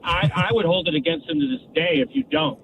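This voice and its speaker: A man's voice: sits high, lively intonation, fast. A man calling in to a radio show, chummy and emphatic. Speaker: caller. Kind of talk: phone-in call. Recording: dull distant phone line with noise.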